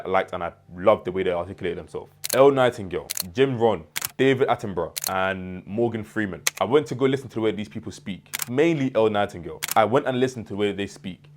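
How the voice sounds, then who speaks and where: Young man, lowish voice, rapid earnest self-help delivery to camera. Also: slight background noise. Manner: earnest and advising, with repetitions and restarts. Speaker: self-improvement creator. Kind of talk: motivational talk to camera.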